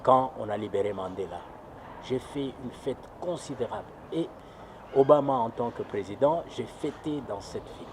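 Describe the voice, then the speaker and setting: A man's voice: mid-range voice, normal speed. A man from Congo giving a documentary interview, grave and emphatic, repeating phrases for effect. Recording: clear street noise behind.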